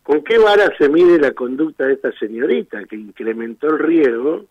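Insistent lawyer on a muffled line. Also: male voice, a little high, animated, normal speed, darkish tone, no echo. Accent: Argentine Spanish. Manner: argumentative, insistent, rhetorical questions. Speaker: defense lawyer. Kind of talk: radio phone interview.

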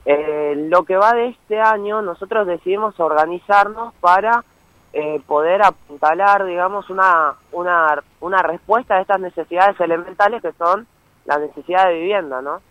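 Speaking over a muffled phone line, this young Argentine man from Misiones is a student activist giving a phone interview, laying out his cause earnestly and frequently adding "¿sí?". He sounds high and a bit bright at a moderate pace, with no room sound.

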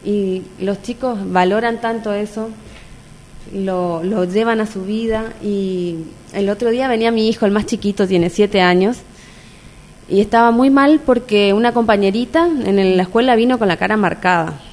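A woman's voice: mid-range voice, moderate pace, darkish tone, a little hiss or hum. A woman with an Argentine accent, a mother sharing her personal experience in an open, earnest conversational way. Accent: Argentine Spanish.

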